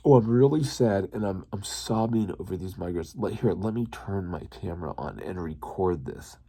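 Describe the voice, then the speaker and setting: Mock voice: a whiny, fake-sobbing rich woman, done by a gravelly-voiced man. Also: low-pitched, lively intonation, normal speed, dark tone, full character voice. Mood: mocking whine. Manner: mocking, sing-song whine.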